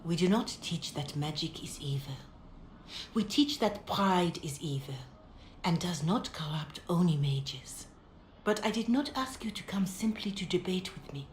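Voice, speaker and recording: An actress playing a calm, compassionate middle-aged holy mother in a fantasy video game, speaking in a measured, gentle, solemn way. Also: on the low side. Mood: grave, candid. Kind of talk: dramatic video game dialogue. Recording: roomy echo, background ambience noise.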